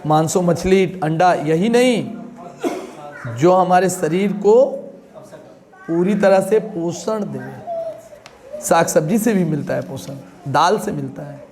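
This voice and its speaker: Guy with a high voice teaching an exam prep class, asks questions and gives simple examples. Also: big pitch swings, takes it slowly, long pauses, darkish tone. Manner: explains with questions and everyday examples.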